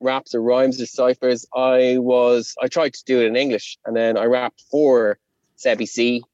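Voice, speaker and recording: An Irish-speaking rapper from Connemara, Ireland, chats as an interview guest, rambling through casual stories with lots of fillers and self-deprecating humor. His medium-pitched voice is level and unhurried, with a darkish, dull, dry sound and no room echo.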